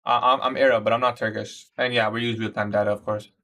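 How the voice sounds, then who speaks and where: A lowish, sharp male voice with a level tone moves at a quick pace. The speaker is a twenty-one-year-old from Iraq hosting a live trading stream, casually running commentary on his trades and responding to chat with slang and frequent "bro"s.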